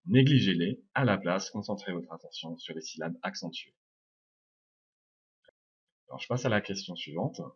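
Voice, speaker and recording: Low husky man teaching pronunciation. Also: a little mellow. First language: French. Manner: explains step by step, repeats sounds slowly. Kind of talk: video lesson answering viewer questions. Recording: dull lo-fi sound.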